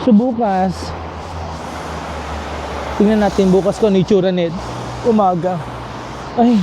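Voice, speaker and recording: A man's voice: sits high, a little slow, background noise. A man chatting casually to his camera as a travel vlogger while walking outdoor streets at night, exclamatory and joking. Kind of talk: casual walking vlog chat.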